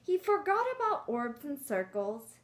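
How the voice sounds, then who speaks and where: A woman's voice: sits high, big pitch swings, unhurried. A woman reading a picture book aloud to young children, coaxing them along with simple questions. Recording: clearly noisy room.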